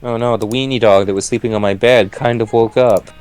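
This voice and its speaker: A man's voice: lowish voice, fairly even intonation, fairly quick, darkish tone, clear, resonant tone. A man co-hosting a let's play, rambling casually with lots of "like" and restarts and laughing often. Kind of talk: casual gaming commentary.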